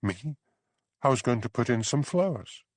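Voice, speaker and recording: Defiant young Scottish wife, snarling, pitched high and loud, voiced by a male reader. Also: lively intonation, moderate pace, no echo, studio quality. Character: hard-faced defiant young village wife.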